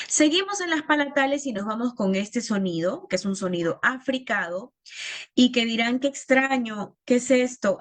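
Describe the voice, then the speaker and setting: Woman teaching phonetics. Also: mid-range voice. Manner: explanatory, checks in with listeners. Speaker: language therapy teacher. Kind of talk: lecture explaining phonetics.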